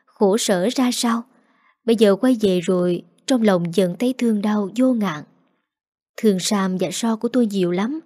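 A woman reading a first-person story aloud in a slow, tender, emotional way. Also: mid-range voice, dark tone. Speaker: story narrator. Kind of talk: first-person audiobook narration.

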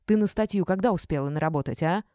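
A woman reading a gruff, domineering middle-aged male boss who talks in a blunt, bossy growl. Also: on the low side, fast talker, dark tone, dry recording, studio quality, close to an everyday voice. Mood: angry.

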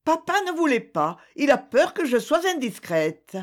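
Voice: high-pitched, big pitch swings, moderate pace, pitched above the performer's own voice. A reader playing eager young girl Thérèse. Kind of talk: audiobook character voice.

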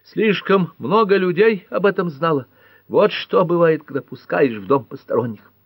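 A man voicing a shrill, hysterical young wife. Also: lively intonation, normal speed, no room sound, dull audio. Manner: shrill, pleading, breaking into cries.

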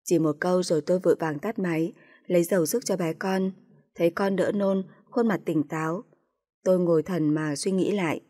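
A woman narrating a first-person story with a steady, even-paced reading. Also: lowish voice.

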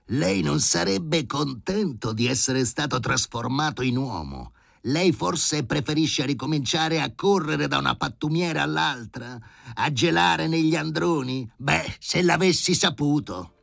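A man voicing an exasperated elderly male professor surgeon who talks slowly and with fussy indignation, in an audiobook reading. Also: fairly high pitch, lively intonation, vocal fry, a bit bright, dry recording, clean studio sound, voice pushed up, full character voice. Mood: indignant.

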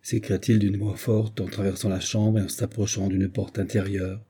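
A man narrating a classic novel as an audiobook, in a measured, steady reading. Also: on the low side.

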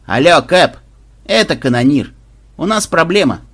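A man's voice: on the high side, animated, unhurried, fairly bright tone, voice pushed up, full character voice. A man voicing an indifferent, laid-back ship gunner with an offhand drawl.

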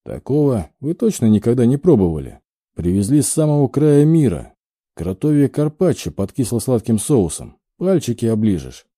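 A man's voice: medium pitch, big pitch swings, normal speed, mellow, no room sound, clean studio sound. A man playing a polite restaurant waiter in an audiobook, courteous and salesy.

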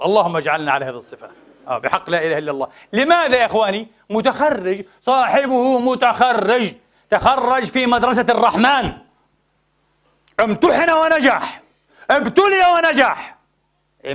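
A man's voice: sits high, fairly bright tone. A male preacher, giving an impassioned sermon full of rhetorical questions and emphatic peaks. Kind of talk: Friday sermon.

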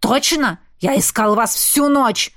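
Woman doing a gruff beast-form duke, low growl, short-tempered; storybook. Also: slow pace, a bit bright, no echo, clean studio sound, exaggerated voice. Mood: angry. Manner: growling, breathing hard.

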